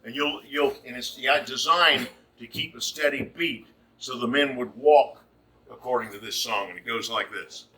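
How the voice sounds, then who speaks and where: Dressed in costume, a Virginia man who performs shanties and lectures addresses an audience in an indoor hall, explaining things chattily with frequent restarts. He speaks at normal speed in a medium-pitched, bright, forceful voice with no microphone, captured distantly from across the room.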